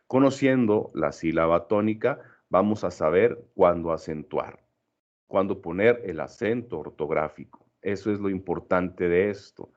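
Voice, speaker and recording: A man's voice: low-pitched, a little mellow. A middle-aged male teacher giving a recorded lesson, explaining patiently, checking in with his students and often correcting himself mid-sentence. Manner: frequent fillers and self-corrections. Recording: dull lo-fi recording.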